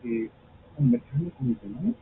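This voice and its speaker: A man preaching a sermon as pastor, moving between Spanish and English mid-sentence and telling stories with animated acted quotes. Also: mid-range voice, normal speed. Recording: tinny phone-like sound with faint noise.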